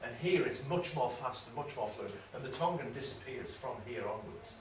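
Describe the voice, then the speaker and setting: A man's voice: medium pitch, expressive, moderate pace. A man giving an academic lecture in a discursive, explanatory way, often correcting himself. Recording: roomy room, mic at a distance, faint noise.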